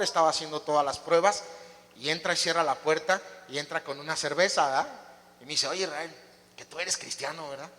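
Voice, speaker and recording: An emphatic pastor preaching a sermon in a high, bright and forceful voice. He keeps asking his congregation questions, and his voice rings out with the long reverb of a church hall.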